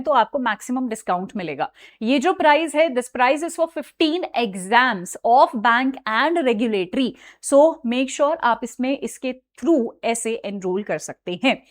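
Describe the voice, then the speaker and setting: A high-pitched young woman teaches an online exam-prep class in a chatty, direct way. She drops English phrases into her sentences and keeps asking her students whether they're following along. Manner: chatty, mixes Hindi with English phrases, repeats "ठीक है?".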